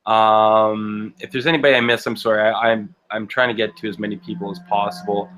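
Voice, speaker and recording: A man's voice: lowish voice, flat delivery, brisk, fairly bright tone. A man hosting a livestream interview, talking hesitantly with many ums and uhs as he wraps up questions. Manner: hesitant, filler-heavy. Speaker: host.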